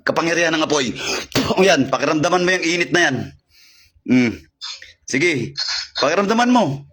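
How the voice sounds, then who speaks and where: A man's voice: a little high, animated, moderate pace, a bit bright. A man working as a faith healer on a live stream, issuing repetitive commands and interrogating a spirit. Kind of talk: live-streamed healing and exorcism.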